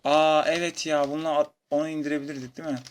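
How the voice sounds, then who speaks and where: A man commentating his own playthrough of a shooter game in a casual, chatty way, taunting enemies and breaking into excited shouts. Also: a little high, fast. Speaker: gamer playing through a retro shooter. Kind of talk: casual let's-play commentary. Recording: noisy, game gunfire behind. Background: video game gunfire and keyboard clicks.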